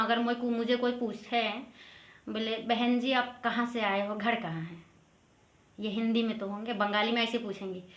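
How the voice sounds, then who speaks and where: A woman from Assam giving a casual spoken language lesson, explaining each phrase and repeating it slowly. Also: mid-range voice, a bit bright. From Assam, India. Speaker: language teacher. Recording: roomy echo.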